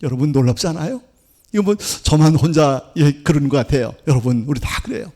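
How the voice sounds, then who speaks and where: A man's voice: on the high side, fairly quick, dark tone. A male pastor preaching a Sunday sermon in church, often turning to the congregation with questions and answering them himself. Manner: acts out accusing voices of law and sin. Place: church sanctuary.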